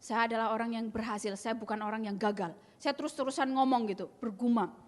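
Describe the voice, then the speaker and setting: Young adult woman, high voice, earnest emphatic testimony preacher who acts out dialogue; long hall reverb. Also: fairly even intonation, fast. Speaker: speaker sharing a testimony. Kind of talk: testimony sermon.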